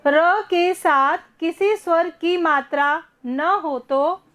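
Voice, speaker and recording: A woman teaching a first-grade class online, patiently repeating words slowly for young children. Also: extremely high pitch, fairly bright tone. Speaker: primary school teacher.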